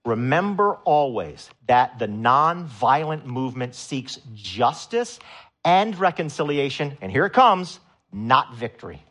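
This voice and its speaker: A man preaching a sermon to a congregation, animated and emphatic, with loud rising peaks. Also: mid-range voice, a little slow. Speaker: pastor.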